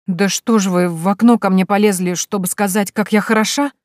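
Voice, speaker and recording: A woman's voice: mid-range voice, normal speed, darkish tone, breathy edge, dry recording, clean studio sound, natural voice. A woman reading an audiobook voices a shy young woman who speaks breathlessly and pleadingly. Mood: flustered.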